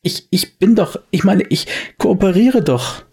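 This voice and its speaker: A man's voice: sits high, lively intonation, unhurried, warm tone, breathy edge, pitched above the performer's own voice, full character voice. A man voicing a nervous, stammering male bar owner, pleading and anxious.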